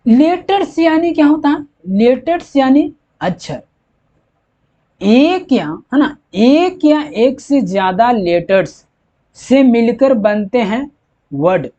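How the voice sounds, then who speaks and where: Slow, repetitive English teacher. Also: mid-range voice, darkish tone. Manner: repeats points and answers own questions. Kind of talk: slow classroom explanation. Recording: dull lo-fi recording.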